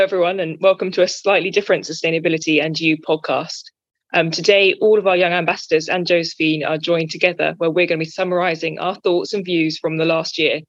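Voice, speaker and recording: A woman's voice: on the low side, no room sound. A woman hosting a podcast in a conversational way. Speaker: podcast host, finance strategy head. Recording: dry, slightly dull audio.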